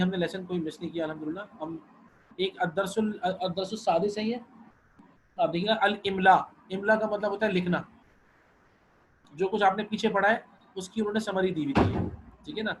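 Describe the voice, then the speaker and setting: A man's voice: high-pitched, slight background noise, rough recording. A man teaching an online Arabic class, patient, often repeating and checking that students follow.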